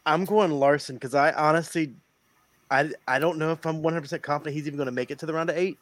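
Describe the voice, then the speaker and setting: A man co-hosting a sports podcast, talking quickly and hedging his opinions. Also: fairly high pitch, steady tone, dry recording. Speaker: podcast co-host. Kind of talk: casual debate.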